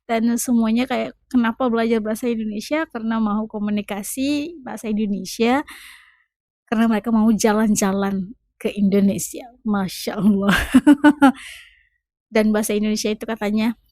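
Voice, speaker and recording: A woman with a fairly high voice gives chatty reaction commentary. The recording is dry and close, and her delivery is casual. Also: fairly even intonation, moderate pace, mellow. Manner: chatty, echoes phrases from the clips. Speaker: reaction video host. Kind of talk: casual commentary on video clips.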